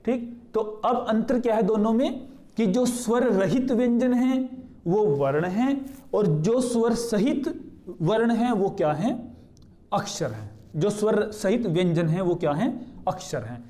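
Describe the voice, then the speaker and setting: A man teaching Hindi grammar who explains step by step, asks his own questions and answers them, and repeats key terms slowly. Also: high-pitched, lively intonation, warm tone. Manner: points to what he writes on a board. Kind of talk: explanatory lesson.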